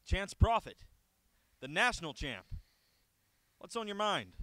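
A man's voice: high voice, big pitch swings, measured pace, bright, forceful tone, no room sound. A man taunting a wrestler backstage in a mocking, cowardly way.

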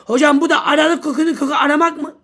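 A woman's voice: high-pitched, fairly even intonation, fast, a bit bright, voice pushed up. A woman voicing a puzzled student who asks the teacher naive questions. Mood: asking.

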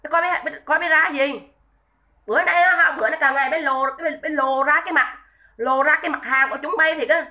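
A woman's voice: sits high, fairly even intonation, a little fast, sharp tone. A woman, ranting on a livestream in a scolding, indignant, repetitive way and greeting viewers between tirades. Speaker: livestream commentator. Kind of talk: livestream rant.

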